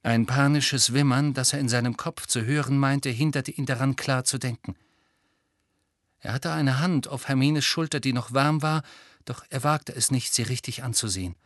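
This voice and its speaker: An audiobook narrator reads a storybook as scripted narration, keeping a measured, even delivery at a middle pitch. The recording is dry and close, with no room sound.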